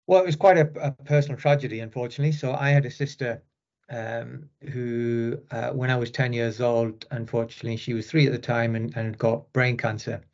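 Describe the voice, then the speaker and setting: A middle-aged sports medicine consultant from Rochdale, with a Northern English accent, answers interview questions conversationally. His voice is medium-pitched, steady and darkish, a little fast, and the audio is dull.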